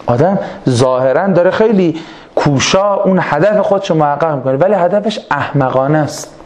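A man giving a storytelling religious lecture in a lively, colloquial way, acting out the voices he quotes. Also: a little high. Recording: echoey room with faint ambient noise.

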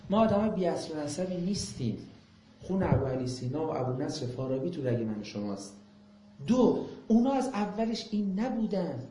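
A man's voice: high-pitched, a little mellow, slight background noise. Man ranting at a crowd, lots of sarcastic questions, echoey hall. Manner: impassioned, rhetorical questions, mocking. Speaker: lecturer. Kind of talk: public talk with Q&A. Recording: echoey room.

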